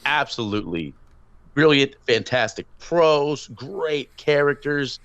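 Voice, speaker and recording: A man's voice: medium pitch, expressive, slow pace, fairly bright tone, clean tone, no echo. Male podcast host, casual rambling delivery, laughs easily, muffled dry recording. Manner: rambling, laughing, frequent fillers. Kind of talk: casual chat.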